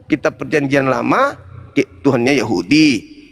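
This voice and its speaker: A man's voice: medium pitch, moderate pace, gravelly. A middle-aged man hosting a heated live religious debate, talking combatively and mocking his opponent with laughter. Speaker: debate show host, foundation founder.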